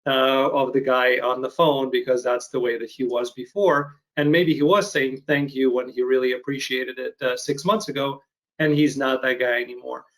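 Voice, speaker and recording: A man's voice: mid-range voice, fairly even intonation, fairly bright tone, low-quality recording. Thoughtful man from Ukraine, video call. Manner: thoughtful, measured, hesitant with fillers. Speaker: podcast host. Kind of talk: casual interview chat.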